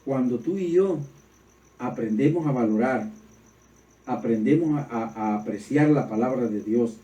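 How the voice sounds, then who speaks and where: A man's voice: mid-range voice, measured pace. Man preaching in an echoey room. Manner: preaching, rising to loud emphatic peaks. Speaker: pastor. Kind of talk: sermon. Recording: roomy echo, voice from far off.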